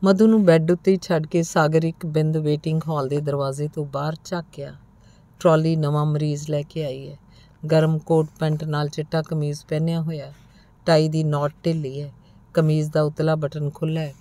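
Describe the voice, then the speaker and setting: A woman reads a short story aloud as an audiobook narrator. Her voice sits low and sounds warm and mellow. She reads steadily and lifts her voice slightly whenever the characters speak. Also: little pitch movement, moderate pace.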